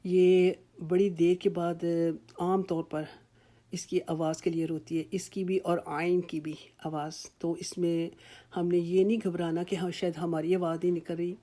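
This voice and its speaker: A woman teaching Quran recitation rules in a slow, patient lesson, drawing out words as she models them and reassuring her students. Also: fairly low pitch, level tone, mellow. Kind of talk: slow instructional tajweed lesson.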